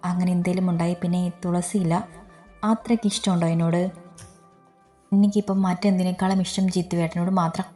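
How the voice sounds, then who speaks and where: A heartbroken young woman who clings to the man she loves, pleading through tears, voiced by a woman narrator. Her voice sits low and mellow, with little rise and fall. Faint music plays beneath. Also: steady tone, brisk, pauses often, lightly acted. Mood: tearful devotion. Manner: pleading, emotional. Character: young woman in love, devoted and tearful.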